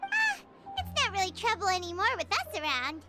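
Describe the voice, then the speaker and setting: A woman voicing a small, excitable female fairy companion in a game, who talks about herself in the third person. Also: very high-pitched, a little fast, very noisy, heavily acted. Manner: refers to herself in the third person, lively and eager. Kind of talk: game voice acting. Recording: game dialogue over loud music.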